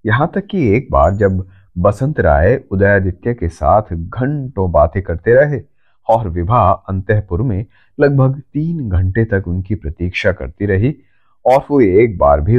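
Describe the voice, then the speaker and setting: A man reading a story aloud as narrator, in a measured, expressive manner. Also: on the low side, phone-quality sound.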